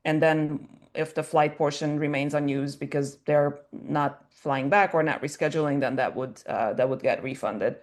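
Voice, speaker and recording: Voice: mid-range voice, steady tone, moderate pace, few pauses. A speaker from Hungary, a tour company owner talking as an interview guest in a chatty way, with many fillers and restarts. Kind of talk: interview conversation.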